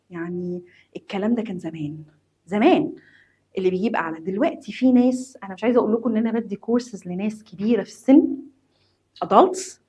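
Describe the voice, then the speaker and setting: An English teacher with an Egyptian Arabic accent explains a grammar lesson directly to her students in a husky, dark, medium-pitched voice. She stresses key points by repeating them and mixes English terms into her explanation.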